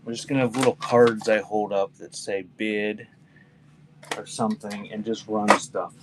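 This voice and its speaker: Running a relaxed live auction as show host, he drifts off into rambling and dry jokes with the chat between listing items. His voice sits on the low side, delivered flatly at normal speed, with clear background noise in the recording.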